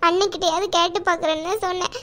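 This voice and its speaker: A woman's voice: very high voice, fairly even intonation, fast, fairly bright tone. A woman voicing a timid young married woman in a cartoon, tearful, pleading and apologetic. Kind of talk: cartoon voice acting.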